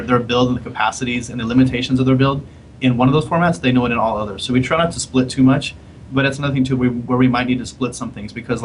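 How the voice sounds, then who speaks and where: A man's voice: medium pitch, slight background noise, poor audio. A man, a game developer, explaining his design thinking in a casual podcast panel chat. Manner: quick, explanatory, casual slang.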